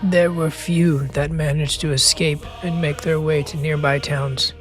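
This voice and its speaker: A man's voice: fairly high pitch, level tone, a little slow, faint music behind, natural voice. A man voicing a weary, haunted male warrior who survived a massacre, speaking solemnly and earnestly in a tabletop role-play. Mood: grim.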